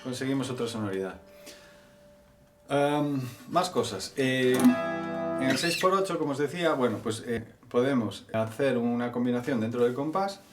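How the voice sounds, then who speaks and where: Guy from doing a bouzouki lesson vlog, counts beats out loud, loud plucked strings behind. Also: medium pitch, normal speed, loud music behind the voice. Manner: explains patiently, counts beats aloud. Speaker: music teacher. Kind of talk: instructional vlog. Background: loud bouzouki playing.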